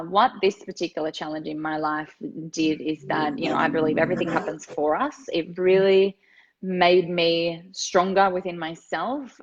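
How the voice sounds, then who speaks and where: A woman in her thirties from Finland, a podcast guest telling her life story in an earnest way and often repeating words as she thinks. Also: fairly low pitch. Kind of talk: personal story interview. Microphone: remote call. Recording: dull lo-fi call audio.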